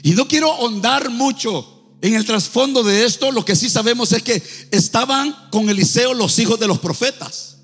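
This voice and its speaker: A male pastor preaching a sermon in a church, in a fervent, half-sung delivery that rises into shouts. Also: extremely high pitch, animated, moderate pace, big-room sound, soft background music. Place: church sanctuary.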